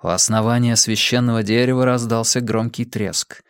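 A man reading a dramatic audiobook in a steady, measured narrating voice. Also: medium pitch, clean tone, dry recording, studio quality. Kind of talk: scripted narration.

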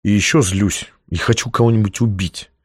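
A man's voice: fairly low pitch, fairly even intonation, normal speed, breathy edge, no room sound, studio quality. A man reading a novel aloud, voicing a nineteen-year-old female student who answers in curt, sulky, defensive retorts.

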